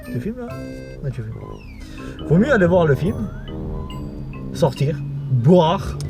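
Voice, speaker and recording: A man's voice: a little high, big pitch swings, takes it slowly, over music. A man talking casually and drunkenly, rambling through a film recap in repetitive, sweary slang and losing his thread. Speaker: video host.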